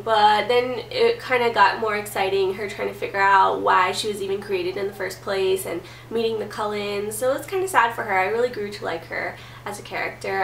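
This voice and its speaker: Speaking from her bedroom with a cold-stuffed voice, a young book vlogger in her twenties keeps things chatty, full of "like" and "um." Her mid-range voice is gravelly and a bit bright, far from the mic. The camera mic sits some way off, so the audio is roomy with a faint hiss.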